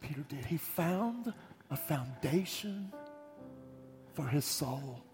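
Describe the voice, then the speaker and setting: A man preaching a sermon, retelling a story in an animated, conversational way. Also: a little high, slow, faint music behind.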